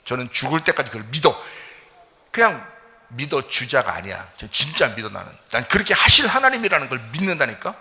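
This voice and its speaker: A male pastor preaching a sermon with passion, swinging between loud, fervent peaks and low, quiet stretches. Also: very animated, brisk. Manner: impassioned preaching, swings from shouting to near-whisper. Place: church sanctuary. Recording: echoey church hall.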